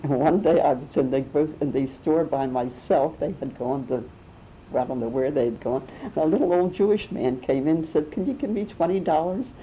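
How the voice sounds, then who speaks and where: Older lady telling old family stories, low dark voice, muffled recording w/ faint rumble. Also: moderate pace. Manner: rambling, warm storytelling with restarts and small laughs. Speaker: interviewee. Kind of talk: oral history reminiscing.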